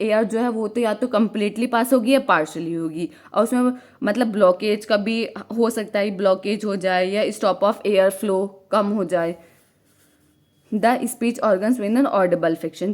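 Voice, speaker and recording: A woman teacher giving an exam-prep lecture in a voice of middling pitch. She reads English lines from her notes slowly and then explains them in Hindi. She keeps asking rhetorical questions and uses fillers as she goes. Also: darkish tone.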